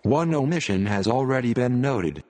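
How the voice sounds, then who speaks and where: A computer-generated male voice like an old speech synthesizer, reading scripted narration with stiff, robotic, measured phrasing. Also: mid-range voice, expressive, darkish tone, long reverb tail. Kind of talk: scripted narration, read aloud.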